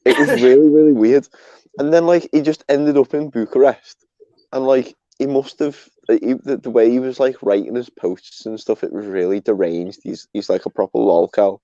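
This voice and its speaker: A man telling a story in a casual stream chat, halting over his words and filling gaps with "like". His voice is dark and mellow. The recording is dry and dull, with a muffled sound. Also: medium pitch, steady tone, no room sound. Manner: hesitant, heavy use of "like", repeats words.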